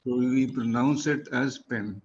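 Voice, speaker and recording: A man's voice: medium pitch, a little slow, vocal fry, lo-fi sound, noisy background. A man teaching English pronunciation one-on-one, patiently spelling words out letter by letter. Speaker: English tutor.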